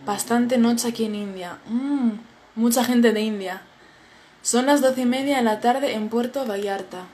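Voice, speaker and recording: This Spanish teacher speaks at a fairly high pitch and a measured pace, her tone a little mellow and sleepy. Friendly and talkative, she reads her live-stream viewers' comments aloud and responds to them, seated at a table in a small room while a phone camera captures her from arm's length.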